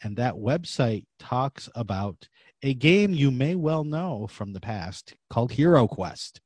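A man's voice: medium pitch, sing-song, slow pace, darkish tone, slightly rough, no room sound. A man hosting a podcast in casual conversational talk. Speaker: podcast host.

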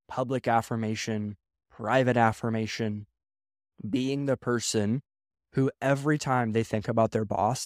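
A man's voice: mid-range voice, darkish tone, no echo, studio quality. A man speaking as a pastor, giving a casual sermon-style talk on leadership, repeating phrases and acting out quoted voices.

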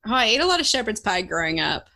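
A woman's voice: mid-range voice, sing-song, fast, creaky, sharp tone. A woman chatting casually as the host of a podcast. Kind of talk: casual chat.

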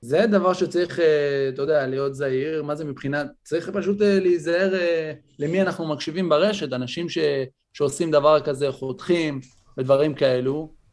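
A man's voice: a little high, fairly even intonation, a little mellow. A man in a casual podcast discussion. He reasons his point through with many fillers. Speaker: podcast co-host.

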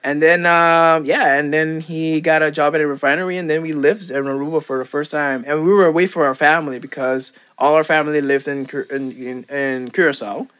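A man's voice: on the high side, steady tone, a bit bright, clear, resonant tone. Rambling young man from Curaçao. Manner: rambling, halting, full of fillers and restarts. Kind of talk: casual chat.

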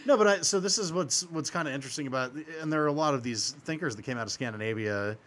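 A man co-hosting a podcast, explaining ideas at length with halting restarts. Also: mid-range voice, a bit bright. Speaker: podcast co-host. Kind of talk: casual chat. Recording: faint background noise.

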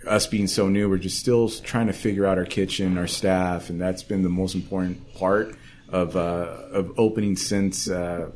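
A restaurant co-owner speaking in a casual interview, hesitant and halting, recorded in a small restaurant. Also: male voice, deep voice, fairly even intonation, darkish tone, a little hiss or hum. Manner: hesitant, many fillers and restarts.

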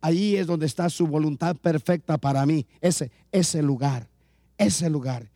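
A man's voice: fairly high pitch, a little slow, dark tone, no echo, studio quality. A man pastor preaching a sermon, repeating phrases and rising in emphasis as he addresses his congregation.

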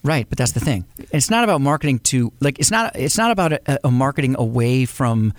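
Lively joking male podcast co-host. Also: medium pitch, no room sound, clean studio sound. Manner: animated, quick, jokey, talks over his co-host. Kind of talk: casual chat.

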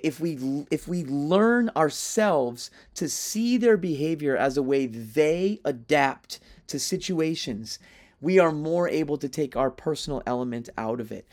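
A man's voice: a little high, darkish tone. A man teaching fellow educators in a conversational way, often checking in with "right?" and restarting his sentences. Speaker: teacher training other teachers. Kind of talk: instructional talk to educators.

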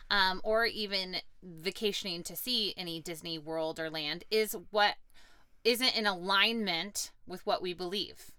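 A woman co-hosting a casual faith podcast, chatty and quick to laugh, thinking aloud as she talks. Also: mid-range voice, pushed and bright, clear, resonant tone, no echo. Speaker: podcast co-host.

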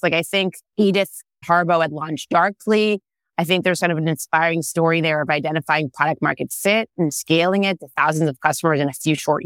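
With no room sound around her, a woman with a lowish voice speaks as a guest, the founder and CEO of a startup. In her thirties and raised from birth in Israel, she responds to interview questions thoughtfully, leaning on "you know" fillers.

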